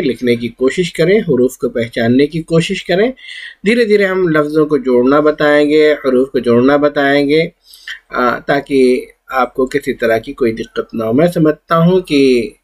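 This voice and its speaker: A man teaching an Urdu class, patiently drawing out each syllable in drills and repeating his points. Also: medium pitch. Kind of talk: slow, patient classroom lesson.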